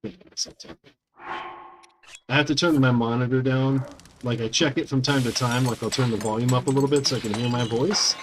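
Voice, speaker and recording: A man in his thirties rambles with lots of fillers while chatting with viewers on a game stream, using a small condenser mic at home. His mid-range voice is steady and fairly quick, with a noisy background.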